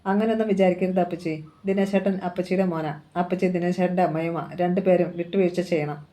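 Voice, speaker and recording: A reader voicing a gentle young peacemaker. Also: medium pitch, fairly even intonation, fast, lightly acted. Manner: gentle, reassuring. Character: young woman, kind and calm peacemaker.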